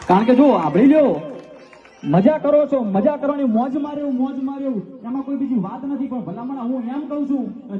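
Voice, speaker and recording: A man, telling folk stories at a live stage show, emphatic and repeating his phrases as he keeps addressing the crowd. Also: extremely high pitch. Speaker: folk storyteller at a live dayro. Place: outdoor festival stage. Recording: echoey live stage audio from far, dull, faint guitar.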